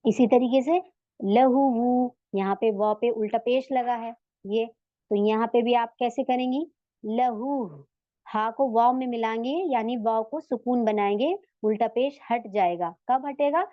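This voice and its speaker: A woman with a slightly high voice teaches a tajweed class online. She is patient and takes each step in turn, pausing to ask her students questions and stretching Arabic words out slowly to demonstrate them. The sound is dry and a little dull. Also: no echo. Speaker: Quran recitation teacher.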